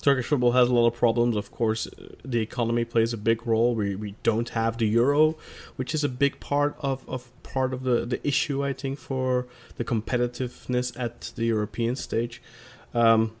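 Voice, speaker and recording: A man's voice: medium pitch, steady tone, normal speed, a little mellow. A male podcast co-host talking football in a rambling, casual way, often restarting his sentences. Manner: rambling, restarts often, self-aware about stuttering.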